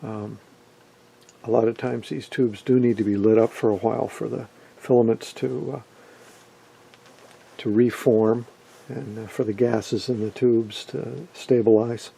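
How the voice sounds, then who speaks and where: Working off camera at a workbench in an indoor workshop, a middle-aged man presents vintage radio as a hobbyist, explaining his hands-on demonstration in a casual, matter-of-fact way. He speaks in a steady, unhurried mid-range voice that is warm, husky and creaky, with long pauses.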